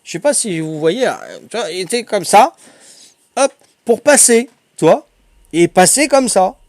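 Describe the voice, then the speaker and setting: An older man with a high, light voice tells stories to his stream in a rambling, chatty way, laughing often. His is clear, and the sound is close and dry, with no room echo. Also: lively intonation, normal speed. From Corsica. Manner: chatty, laughs often, full of fillers and repeats. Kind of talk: casual anecdote telling.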